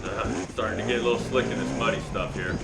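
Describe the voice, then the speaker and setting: A man's voice: mid-range voice, fast, creaky. A man giving casual, rambling, self-deprecating race commentary as a motovlogger, chatty in his delivery. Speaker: motovlogger and amateur dirt bike racer. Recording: roomy echo, loud engine and ambient noise.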